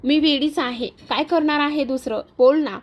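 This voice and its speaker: A woman's voice: high-pitched, normal speed, lo-fi sound, natural voice. A woman voicing an anxious, moody young woman in a retold TV serial. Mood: agitated. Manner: agitated, pleading.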